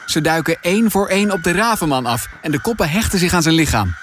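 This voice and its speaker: A man reading a children's adventure audiobook in dramatic, expressive scripted narration. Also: on the high side, quick pace, faint music behind.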